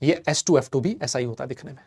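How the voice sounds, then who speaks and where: A man's voice: medium pitch, darkish tone, husky. Playful, teasing male chemistry teacher. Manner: teasing, scolds students playfully, answers imagined questions himself; slows sharply to read out English definitions. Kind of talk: online exam-prep lecture.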